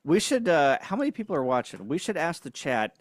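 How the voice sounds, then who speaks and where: A man's voice: a little high, big pitch swings, brisk, dry recording. Laid-back man chatting on a livestream. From United States. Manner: laid-back, chuckling, reads chat aloud. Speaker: co-host of a ham radio livestream. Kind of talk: casual livestream chat.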